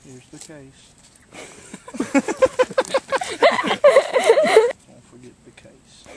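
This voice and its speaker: A man's voice: extremely high pitch, wildly swooping pitch, drawn-out words, pitched above the performer's own voice, exaggerated voice. A young man playing a dim, rambling old hillbilly mountain man in a comedy skit, recorded outdoors. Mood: dying, silly. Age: young adult. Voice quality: drawling hillbilly put-on voice. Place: outdoors in woods. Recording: loud outdoor noise, distant camera mic.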